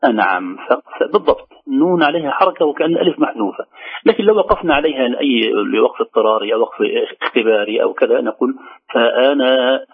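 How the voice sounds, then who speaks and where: A man's voice: mid-range voice, expressive, breathy edge. Male recitation teacher on a phone line. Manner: slow, careful demonstration of pronunciation. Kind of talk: tajweed instruction on a radio call-in show. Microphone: telephone.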